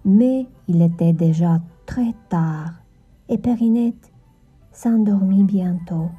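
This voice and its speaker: A woman narrating a children's Christmas story in a gentle storytelling manner. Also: mid-range voice, takes it slowly, slightly rough, phone-quality sound, faint music behind.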